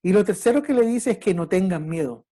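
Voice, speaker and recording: This sermon comes from a reflective preacher whose voice is mid-range, dark in tone, and animated. Speech is measured and halting with restarts, and tag questions repeatedly check in with the audience.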